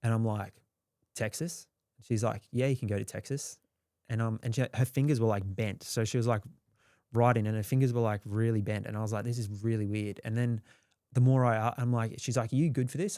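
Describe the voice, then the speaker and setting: Rambling young Australian man, low and dry. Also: level tone, fast talker, darkish tone, no echo. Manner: rambling, swears freely, acts out quotes. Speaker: guest. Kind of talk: candid storytelling.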